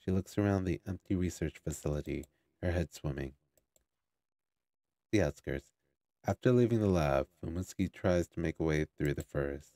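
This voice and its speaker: A man with a sore throat reading a game's story aloud, in a slurring, low-energy way. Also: moderate pace, mellow, dry recording, clean studio sound. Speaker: gaming streamer.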